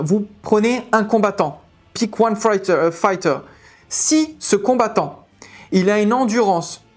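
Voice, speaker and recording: French woman hosting a wargame channel, hyped, lots of "euh", stumbles through english rule text. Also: medium pitch. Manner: chatty, enthusiastic, many fillers, reads rules in halting English. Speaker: tabletop game video host. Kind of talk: casual rules explanation to viewers.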